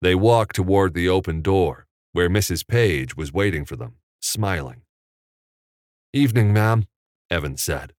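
A man narrating an audiobook in a measured, steady storytelling manner on a close studio mic. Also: sits low, no echo.

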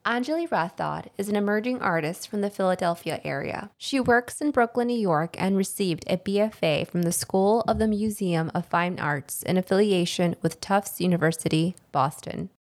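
A woman's voice: mid-range voice, moderate pace, few pauses. Upbeat woman podcast host. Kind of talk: scripted intro and casual interview. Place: living room floor.

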